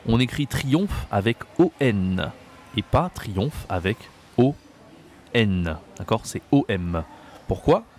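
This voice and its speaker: A man teaching a video lesson on pronunciation, slow and patient, repeating words and checking that the listener follows. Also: lowish voice, lively intonation, darkish tone, slight background noise. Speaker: French teacher. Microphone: camera mic.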